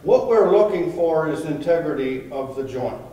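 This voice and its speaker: A man's voice: on the high side, expressive, moderate pace, dark tone, distant mic, dull audio. Older man coaching in an echoey gym. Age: 60s. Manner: earnest, explaining step by step. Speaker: fitness trainer. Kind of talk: instructional demonstration. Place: indoor gym.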